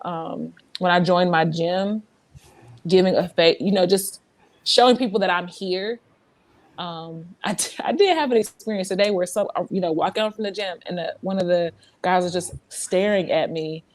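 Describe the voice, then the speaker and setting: This podcast guest is a young adult woman from South Carolina who teaches abroad, and her light Southern accent comes through in the relaxed conversation. She speaks at a normal speed in a lowish voice. Her manner is earnest and thoughtful, with frequent restarts.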